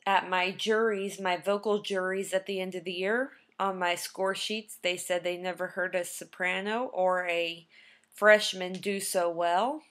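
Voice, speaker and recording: A young adult woman who is a trained singer talks casually to a webcam about her background, rambling with plenty of ums and restarts. Her voice is on the low side and fairly bright, with fairly even intonation and an unhurried pace.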